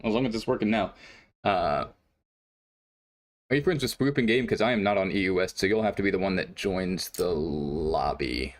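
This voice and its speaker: Speaking at normal speed in a low voice, a man hosts an esports stream and casually banters with dry humor while sorting out audio problems. He's a tournament caster doing pre-show chat into a desk mic at his streaming station.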